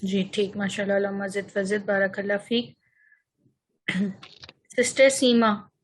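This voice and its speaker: A woman's voice: medium pitch, steady tone, a little slow, slight background noise. A woman teaching an online Arabic grammar lesson, patient and encouraging, often checking that students follow.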